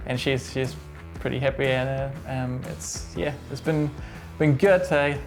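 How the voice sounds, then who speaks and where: A workshop owner, middle-aged and German with a matching accent, chats about his workshop during a relaxed interview. His medium-pitched voice is a little slow and hesitant, with lots of fillers and restarts, while faint music plays behind him.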